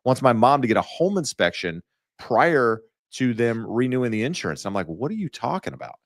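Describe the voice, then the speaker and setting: A man's voice: medium pitch, sing-song, brisk, no echo, studio quality. A man hosting a real estate talk show, chatting loosely with many fillers and restarts. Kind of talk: casual market talk.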